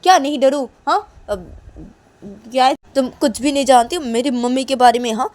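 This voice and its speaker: A woman voicing a frightened young woman who pleads with her mother in a high, anxious voice. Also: normal speed, vocal fry, a little mellow. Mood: agitated. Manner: high pleading, repeated pleas.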